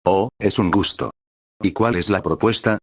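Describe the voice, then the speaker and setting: Gentle, loyal young woman, read by a man, low-pitched and dry. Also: a little slow, dry recording. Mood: hopeful.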